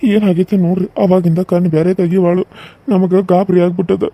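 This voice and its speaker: A man's voice: high voice, no echo, lo-fi sound. A man voicing an anxious village husband and father with a North Karnataka Kannada accent, who calls out urgently for help.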